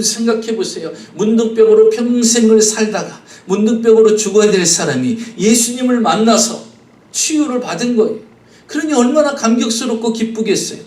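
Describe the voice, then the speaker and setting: A man pastor preaching a sermon in a church, emphatic and given to rising rhetorical questions. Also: high voice. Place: church sanctuary. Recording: roomy church sound, mic at a distance.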